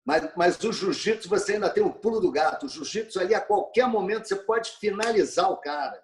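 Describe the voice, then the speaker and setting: A man's voice: high-pitched, expressive, a little fast, a little hiss or hum. A Brazilian man as an interview guest, talking animatedly, repeating words and often asking "entendeu?". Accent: Brazilian Portuguese. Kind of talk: casual interview chat.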